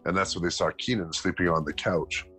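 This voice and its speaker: A man's voice: low voice, fairly quick, faint music behind, low-quality recording. A middle-aged man recounting a family event in an interview, acting out the voices of the people he quotes. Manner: animated, acts out quoted dialogue. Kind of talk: emotional interview storytelling.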